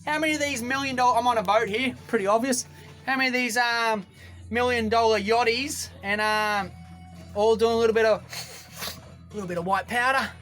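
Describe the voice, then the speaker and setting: A man's voice: very high voice, brisk, fairly bright tone, faint music behind. Ranting Australian man on a boat. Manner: rambling, repetitive, combative. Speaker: vlogger. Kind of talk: ranting monologue to camera. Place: on a boat outdoors.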